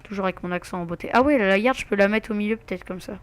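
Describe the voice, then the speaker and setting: A man's voice: high voice, very fast, a bit bright, clean tone. A man giving casual gameplay commentary, muttering to himself with asides and mild swearing. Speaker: let's play gamer.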